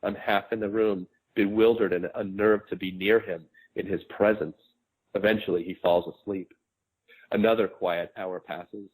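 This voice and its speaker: A man in his forties with a low voice reads his memoir aloud. He takes it slowly and quietly, in a reflective tone that sits close to plain speech. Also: steady tone, slightly rough, low-quality recording. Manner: measured, quiet, reflective reading. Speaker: author.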